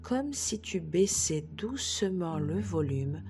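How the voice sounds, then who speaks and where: Soft-spoken low woman guiding relaxation. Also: lively intonation, slight background noise. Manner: soft, slow, soothing guidance, drops to a whisper at times. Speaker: sophrologist guiding a session. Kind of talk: guided relaxation session. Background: soft background music.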